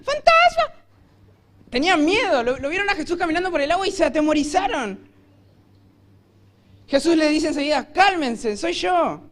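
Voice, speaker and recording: A man with a Rioplatense Spanish accent preaching a sermon in a church, telling the story vividly and acting out shouted lines. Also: extremely high pitch. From Argentina. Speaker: pastor.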